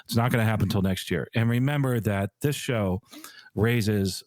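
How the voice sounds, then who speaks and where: A man who is an airline pilot, telling stories as a podcast guest in a lively, laughing manner. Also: lowish voice, moderate pace, dry recording. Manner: animated anecdote-telling, laughs easily. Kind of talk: casual storytelling interview.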